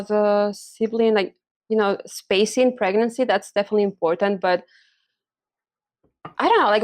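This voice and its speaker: A young Spanish woman who works as a hormonal and pregnancy coach appears as a podcast guest in a casual interview. Her medium-pitched voice is slightly mellow, and she speaks hesitantly, full of fillers and restarts.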